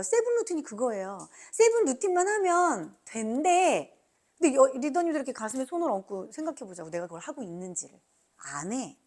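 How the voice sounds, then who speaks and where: Female seminar trainer: urging motivational delivery, highly animated swings in pitch, punchy questions to the audience. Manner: emphatic, urging, asks the listeners frequent rhetorical questions; acts out quoted remarks. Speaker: motivational speaker training business team members. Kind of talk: motivational business seminar talk.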